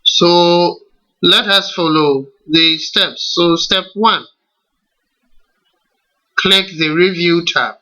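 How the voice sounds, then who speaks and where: A man with a Ghanaian English accent speaks in a high, bright, forceful voice as he takes learners slowly through a computer tutorial captured on screen. Each step is deliberate, with rhetorical questions along the way, and the recording is low quality.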